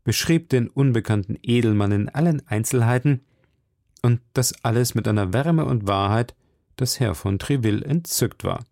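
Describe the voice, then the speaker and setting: A man's voice: mid-range voice, normal speed, darkish tone, no room sound, studio quality. Man reading a classic novel aloud. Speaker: narrator. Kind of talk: audiobook reading.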